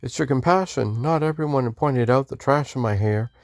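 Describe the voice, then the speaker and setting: A man voicing a cheery, sweet young woman from Texas in a high falsetto with a put-on Western drawl, reading game lines. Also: fairly quick, dry recording, clean studio sound, lightly acted. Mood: earnest. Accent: Texan Western drawl, put on. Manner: high falsetto, folksy and chirpy.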